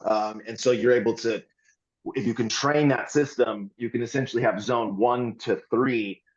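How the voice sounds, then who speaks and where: A man's voice: mid-range voice, fairly even intonation, moderate pace, dull audio. A man guesting on a podcast, talking candidly and earnestly in long rambling runs with frequent restarts.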